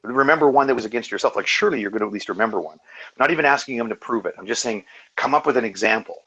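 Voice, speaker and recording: A man's voice: mid-range voice, racing, fairly bright tone, slightly rough, low-quality recording. A man in a casual video call discussion, talking earnestly and working through his points step by step. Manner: earnest, analytical, full of fillers and restarts. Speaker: hangout guest.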